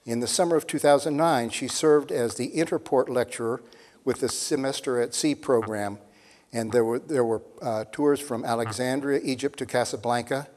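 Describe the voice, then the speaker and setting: A man's voice: mid-range voice, darkish tone. Older man reading an introduction in a hall. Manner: measured, reads from a sheet. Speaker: lecture series moderator. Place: large hall with seated audience. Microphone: podium mic on a stand. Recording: long reverb in a hall.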